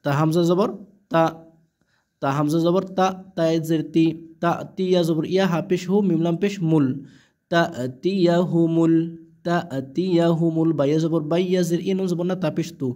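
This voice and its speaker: A man teaching Quran reading, spelling each word letter by letter and then reciting it with long drawn-out vowels, with short explanations of the rules in between. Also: a little high, level tone, mellow. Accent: Bangladeshi.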